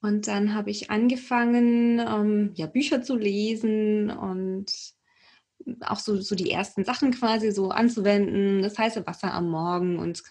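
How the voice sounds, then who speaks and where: A young woman interview guest telling a personal story casually, with a husky voice. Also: medium pitch, steady tone, measured pace, darkish tone. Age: young adult. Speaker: interview guest, Ayurveda adviser.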